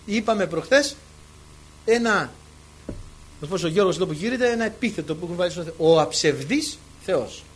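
A middle-aged man preaching to a congregation, telling his own testimony, swinging from hushed words to cries. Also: high-pitched, lively intonation, pauses often, breathy edge. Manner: impassioned, swings from hushed to shouting. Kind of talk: sermon with personal testimony. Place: church hall with congregation.

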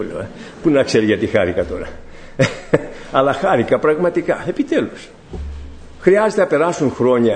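A man's voice: medium pitch, darkish tone. A middle-aged man preaching a sermon to his congregation, emphatic and rising and falling. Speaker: pastor.

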